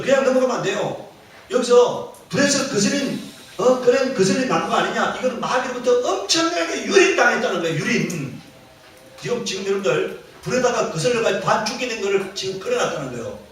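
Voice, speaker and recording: A male pastor delivers a sermon in a church sanctuary, quizzing the congregation in call-and-response fashion and emphatically repeating key phrases. His voice is high and fairly bright. The recording comes from a distant mic in a very echoey hall and carries a little hiss or hum.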